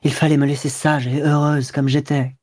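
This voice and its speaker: A man voicing a tearful middle-aged woman who pleads with her lover in an audiobook, raising his voice higher and louder as she grows more desperate. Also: moderate pace, husky, no echo, clean studio sound. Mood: pleading. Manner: imploring, wounded.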